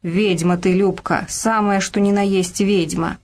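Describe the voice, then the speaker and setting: A woman voicing a cantankerous old grandmother with a creaky, grating voice and a scolding manner, read in an audiobook. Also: mid-range voice, fairly even intonation, a little slow, darkish tone, lightly acted. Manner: quarrelsome, scolding.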